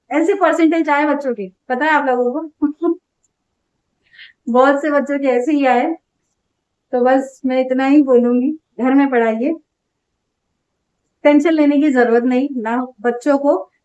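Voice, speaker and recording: A woman's voice: high voice, darkish tone, highs cut off. A woman in her thirties, a homemaker and mother, chatting casually to her viewers with strong opinions and frequent laughter.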